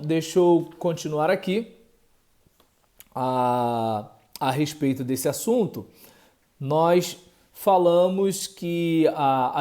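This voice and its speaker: A man's voice: a little high, dark tone. A man teaching a language lesson, explaining patiently with many fillers and check-in questions to the viewer.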